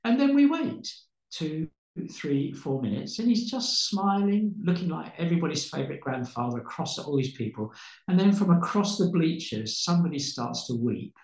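A man's voice: on the high side, animated, normal speed. A man, a pastor, telling stories with fervent, preaching energy, often repeating words as he builds. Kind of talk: passionate storytelling in conversation. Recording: roomy echo.

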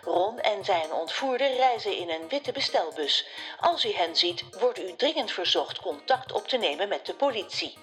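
A woman's voice: medium pitch, lively intonation, normal speed, soft background music, close to an everyday voice. Woman doing a stern radio newsreader. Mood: formal. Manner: formal, stern. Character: strict female radio newsreader.

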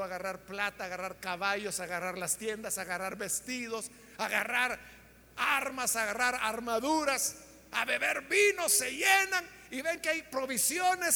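A man preaching a sermon, retelling a story dramatically and shouting out the characters' lines. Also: very high voice, vocal fry, big-room sound.

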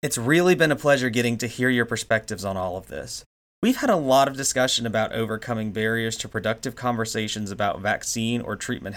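A man's voice: medium pitch, a bit bright. A man moderating an interview, thanking the guests and asking polite questions that sound read out.

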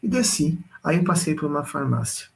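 A man casually telling a personal spiritual story, animated and repetitive, often speaking straight to his listeners. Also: fairly high pitch, brisk, gravelly, a little hiss or hum, low-quality recording. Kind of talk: casual spoken testimony.

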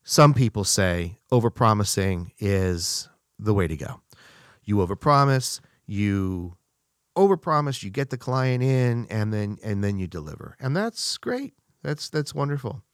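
A man's voice: lively intonation, measured pace, clean tone, dry recording, clean studio sound. A man talking through business advice in a casual, conversational monologue, acting out little dialogues as he goes. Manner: conversational, acts out quoted dialogue with rising pitch. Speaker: business speaker.

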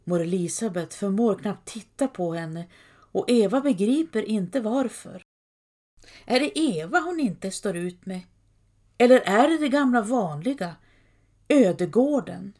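A woman narrating a scripted historical story in a calm, measured way. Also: mid-range voice.

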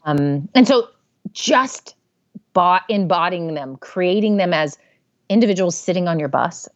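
A woman's voice: on the low side, expressive, a little slow, no room sound, lo-fi sound. A woman therapist, a guest on a podcast, talking casually and animatedly, acting out inner voices in little quotes. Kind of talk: casual interview talk.

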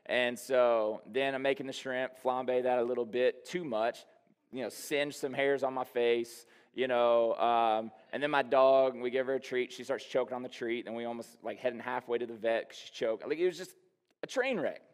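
A man's voice: medium pitch, steady tone, normal speed, clean tone. Man preaching in a reverberant hall. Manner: candid, anecdotal, lots of fillers like "you know". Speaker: pastor. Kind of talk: conversational sermon. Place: church sanctuary.

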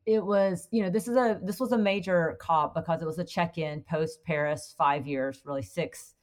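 A woman's voice: lowish voice, fairly even intonation, moderate pace. A woman guest in an interview, explaining her work fluently with frequent "you know" fillers. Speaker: guest, corporate affairs executive at a utility. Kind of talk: casual interview conversation.

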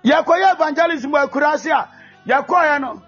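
A man preaching a fervent sermon, often shouting and mixing English with Twi. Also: very high voice, moderate pace. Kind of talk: sermon with prayer. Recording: dull lo-fi recording with faint music.

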